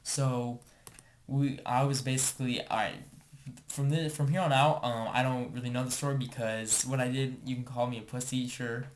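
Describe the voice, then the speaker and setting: A man's voice: mid-range voice, steady tone, moderate pace, a little hiss or hum. A young man casually telling a story to the camera, rambling and filling his talk with "like.". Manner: rambling, filler-heavy with constant "like".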